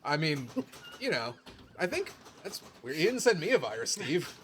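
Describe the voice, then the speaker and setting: A man's voice: on the high side, sing-song, normal speed, fairly bright tone, slight background noise. A man giving casual, joking live commentary on a pinball game, laughing often. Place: pinball arcade.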